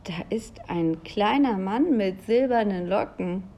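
A woman's voice: medium pitch, lively intonation, measured pace, mellow, slightly rough. A woman voicing a worried, exasperated mother in a read-aloud children's story. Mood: upset.

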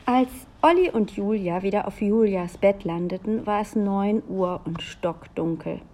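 A woman reading a children's book aloud in a slow, measured way. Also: medium pitch, warm tone. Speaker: reader.

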